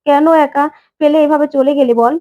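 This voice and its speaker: Woman narrator, high voice, rapid delivery, dull lo-fi sound, serial recap storytelling. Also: steady tone, dark tone. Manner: quick, reads every character's lines herself.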